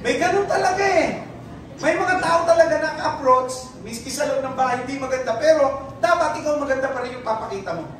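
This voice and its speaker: A high-voiced preacher with a Filipino accent delivers a sermon and keeps asking the congregation for an amen. The voice rings through a very echoey hall, heard from some distance off the mic, with faint room noise behind. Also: brisk. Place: church hall.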